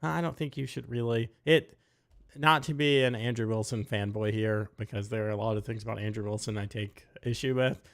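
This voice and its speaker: A man co-hosts a live podcast talk show, offering blunt, opinionated takes and quick asides in casual chat. His voice is lowish with vocal fry and fairly even intonation.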